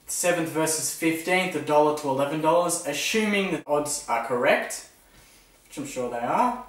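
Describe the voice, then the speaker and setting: A man's voice: on the high side, distant mic. An Australian man previewing the football round in a casual, opinionated way, cracking jokes at his own expense. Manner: opinionated, self-mocking jokes. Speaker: footy tipster vlogger. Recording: echoey room, voice from the mic.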